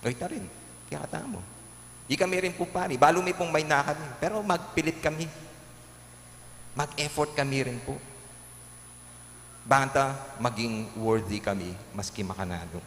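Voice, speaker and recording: A priest with a Kapampangan accent preaching a homily at Mass, animatedly acting out quotes and jokes. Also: male voice, medium pitch, normal speed, pauses often, fairly bright tone. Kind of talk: homily in a live-streamed Mass. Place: large church. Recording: echoey church with long reverb, faint hum.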